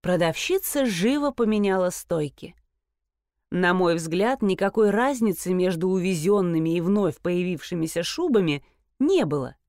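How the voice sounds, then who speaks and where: A woman's voice: lowish voice, lively intonation, moderate pace, a little mellow, dry recording, studio quality. A woman reading a first-person audiobook, with wry, ironic asides. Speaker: audiobook narrator.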